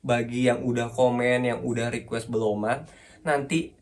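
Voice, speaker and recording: A young man with a casual manner giving a relaxed writing lesson, correcting himself and laughing often. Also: mid-range voice, normal speed. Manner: chatty, self-correcting, laughs often, asks viewers questions. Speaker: writing tips host.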